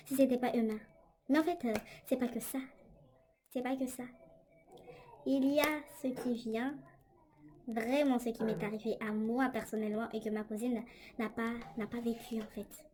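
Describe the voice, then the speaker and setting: A young woman's fairly high, somewhat mellow voice narrates a casual vlog story, chatty and unsure with many fillers. She records indoors on a tablet microphone, and there's slight background noise.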